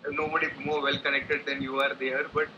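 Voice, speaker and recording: A man gives a client testimonial over a remote call, and his voice comes through a laptop speaker in muffled, lo-fi audio with background noise. He speaks at a medium pitch in a level tone, a little fast. He hesitates and thinks aloud, restarting often.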